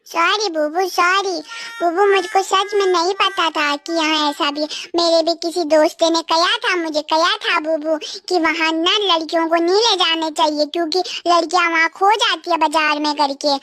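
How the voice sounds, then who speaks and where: A woman's voice: extremely high pitch, fairly bright tone, no echo, clean studio sound. A woman voicing a young husband in a comedic dub, coaxing and repeating apologies.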